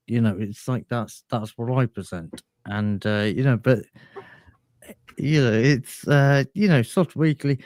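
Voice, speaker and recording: A man's voice: mid-range voice, warm tone, dry recording. A man hosting a comedy podcast, rambling and boastful, with lots of fillers and ironic asides. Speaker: podcast host.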